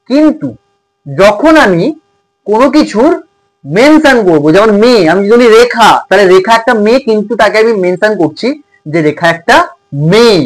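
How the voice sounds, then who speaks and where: A man's voice: high-pitched, poor audio. A man tutor teaching a grammar lesson to schoolchildren, repeating points and checking in often. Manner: repetitive, checks in with "okay?".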